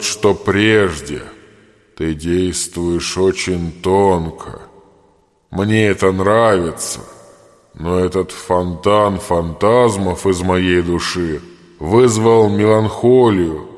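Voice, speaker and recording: Deep, weary ancient giant spider. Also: male voice. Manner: slow, drawn-out, musing delivery. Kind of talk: audiobook character reading. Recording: long hall reverb.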